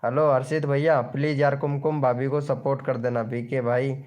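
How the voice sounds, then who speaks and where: A man's voice: medium pitch, little pitch movement, normal speed, darkish tone. A young man from Rajasthan hosting a casual live stream, reading viewer comments, teasing them and pleading for likes. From Rajasthan, India.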